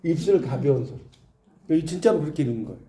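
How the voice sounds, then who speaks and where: A man's voice: on the high side, lively intonation, quick pace, warm tone. A man giving a classroom lecture, explaining with examples and asking his students questions. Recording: echoey classroom.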